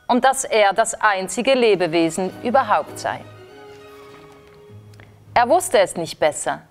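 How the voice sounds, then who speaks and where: Slow, gentle woman storyteller. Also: a little high. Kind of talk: children's story reading.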